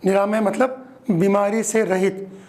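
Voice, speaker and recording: A male teacher giving a grammar lesson, explaining slowly and repeating each word, often checking in with the class. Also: sits high, little pitch movement, darkish tone.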